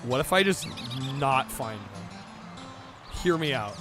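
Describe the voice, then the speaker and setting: A man's voice: medium pitch, expressive, a little slow, over music. A man giving casual gaming commentary as a livestreamer.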